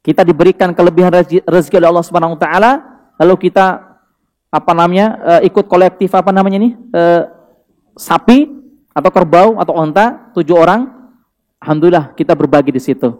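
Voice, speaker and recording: A man's voice: sits high, brisk, a little mellow. A male preacher giving a sermon, telling a story animatedly and sprinkling in Arabic phrases and chuckles.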